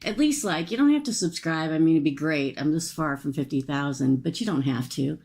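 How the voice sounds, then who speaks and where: Low, creaky woman with swollen jaw. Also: animated, brisk, darkish tone. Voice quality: speaking with a swollen jaw and cheek after a tooth extraction. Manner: chatty, folksy, rambling, addressing viewers by name. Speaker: livestream host offering paid psychic-style readings. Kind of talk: casual livestream chat with viewers.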